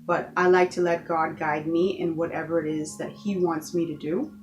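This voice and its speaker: A woman's voice: low-pitched, steady tone, normal speed, highs cut off, a little hiss or hum. A woman from the Bahamas giving an earnest motivational talk in her vlog, encouraging viewers and repeating points for emphasis. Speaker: vlogger.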